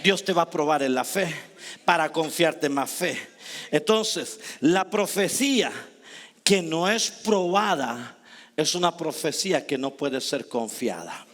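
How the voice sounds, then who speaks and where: A middle-aged man preaching a charismatic sermon, with emphatic loud bursts and slow, low drawn-out lines. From Chile. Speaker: apostle preaching.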